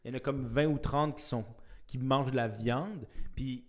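A man's voice: medium pitch, steady tone, normal speed. A man with a Québécois French accent, co-hosting a podcast in casual chat, often hesitating and repeating words. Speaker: podcast co-host.

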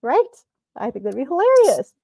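A woman's voice: high voice, huge pitch swings, normal speed, gravelly, mellow, no room sound, studio quality. A woman co-hosting a podcast, chatting casually and laughing often as she rambles through her ideas. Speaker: podcast co-host. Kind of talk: casual chat.

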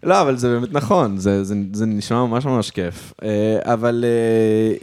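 Male podcast host, soft-spoken and halting, average pitch, home mic. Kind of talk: casual podcast chat. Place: apartment at home. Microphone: podcast microphone.

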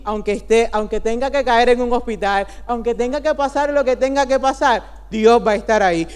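Predicadora de voz clara en una sala resonante. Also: female voice, high voice, clear, resonant tone. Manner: fervent, rising into prayer, then humorous storytelling. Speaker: preacher. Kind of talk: sermon. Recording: long hall reverb.

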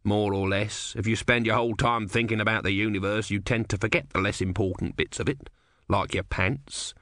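A man's voice: on the low side, steady tone, moderate pace, fairly bright tone, no echo. A man voicing a dry, sardonic male tortoise god who speaks in a knowing way.

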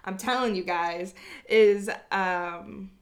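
A woman's voice: medium pitch, takes it slowly. A woman talking to her viewers in a reflective personal monologue, earnest and rambling, with casual swearing. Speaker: vlogger.

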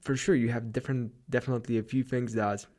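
A podcast host with a Slavic accent rambles through a loose pep talk in a solo motivational monologue, recorded late at night at his apartment. He talks quickly in a mid-range, level voice that's slightly mellow.

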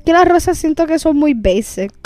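A high-pitched woman with a Puerto Rican accent chats casually as a podcast co-host. She mixes English words into Spanish, and the sound is dry and close. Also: expressive, normal speed, a little mellow, dry recording, faint music behind. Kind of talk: casual chat.

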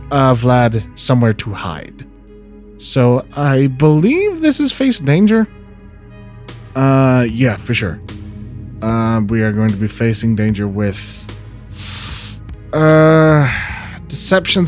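A man narrating a solo tabletop game as game master, thinking aloud in a relaxed way. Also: mid-range voice.

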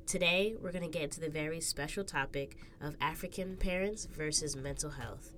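A young woman hosting a casual podcast, relaxed and encouraging as she asks her guests questions. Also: deep voice, brisk, a little hiss or hum. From United States. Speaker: podcast host.

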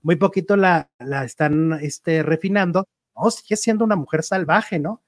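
A man with a slightly higher voice hosts a casual entertainment chat. He gossips with animation and acts out quotes playfully. The sound is dry and close. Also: normal speed, no room sound. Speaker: show host.

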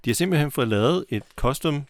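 A man co-hosting a podcast, recapping a TV series in casual chat, relaxed and often chuckling at his own jokes. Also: fairly high pitch, dry recording, studio quality. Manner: relaxed, chuckling, joking asides. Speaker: podcast co-host.

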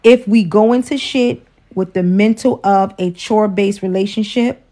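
A woman's voice: mid-range voice, moderate pace, mellow. Woman, 40s, mid voice, outspoken and profane livestream host. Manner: outspoken, profane, preachy, teasing. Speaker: host, wife. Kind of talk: casual livestream relationship talk.

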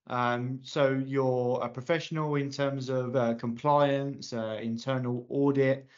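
A man's voice: mid-range voice, steady tone, takes it slowly, dull audio. A man hosting a podcast interview, with a friendly manner. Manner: friendly, laughs often. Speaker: podcast host.

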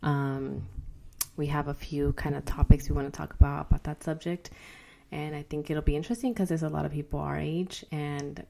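A woman in her thirties with a notably low voice, talking easily as a podcast co-host. Her talk is loose and chatty, and she laughs readily as she tells stories. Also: steady tone, normal speed, vocal fry, mellow, a little hiss or hum. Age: 30s. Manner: chatty, laughs easily, acts out her past self in raised voice. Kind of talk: casual chat.

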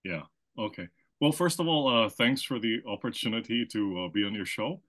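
Animated and fairly bright, his mid-range voice moves at a moderate pace. As an interview guest, this Austrian marketing consultant raised in the Philippines talks conversationally and explains in detail, peppering his answers with "right?" and restarting sentences often.

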